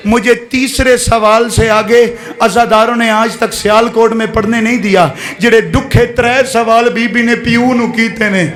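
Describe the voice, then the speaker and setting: A man's voice: extremely high pitch, steady tone, measured pace, fairly bright tone, echoey room. A man with a Punjabi accent giving an impassioned mourning recitation at a religious gathering, crying out to the crowd and wailing. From Pakistan. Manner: emotional, calls out to the crowd, wailing cries. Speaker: zakir reciting at a majlis.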